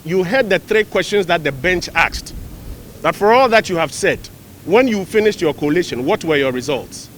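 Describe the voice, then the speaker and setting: Pointed Ghanaian man, higher-pitched, noisy backdrop. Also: lively intonation, normal speed, fairly bright tone. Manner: rhetorical, repetitive, pointed. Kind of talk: press remarks on a court case.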